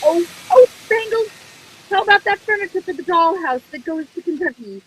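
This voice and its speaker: A woman's voice: very high voice, animated, moderate pace, low-quality recording. A woman playing a busy, bossy Mrs. Santa who fussily orders the workshop helpers about in a live radio-play reading. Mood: fussy.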